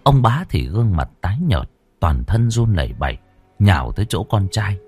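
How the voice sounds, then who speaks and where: A man narrating a scripted horror story in a dramatic, expressive way. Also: fairly low pitch, normal speed, slightly rough, no echo, soft background music.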